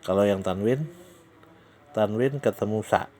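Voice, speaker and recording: A man teaching Quran recitation rules, explaining slowly with hesitations and drawing out the recited example words. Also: on the low side, a little mellow, slight background noise. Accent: Indonesian. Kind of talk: tajwid lesson with recited examples.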